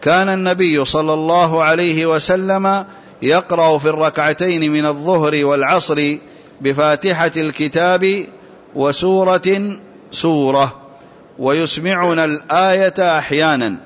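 Male student reader, formal steady recitation, dull lo-fi recording. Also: on the high side, moderate pace. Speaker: student reading aloud to a teacher. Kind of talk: reciting a classical text. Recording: dull lo-fi sound.

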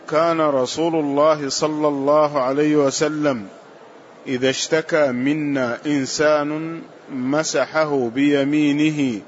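A man reading classical religious texts aloud in a lesson, in a measured, formal way. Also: on the high side, lo-fi sound, a little hiss or hum. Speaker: student reading hadith text aloud. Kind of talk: recitation of classical hadith text.

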